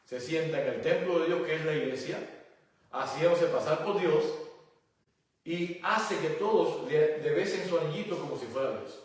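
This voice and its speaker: A male pastor reads scripture aloud during a sermon and then unpacks it with rhetorical questions, speaking at normal speed. His voice is a little high for a man and comes from well away from the microphone, ringing heavily around a very echoey church hall.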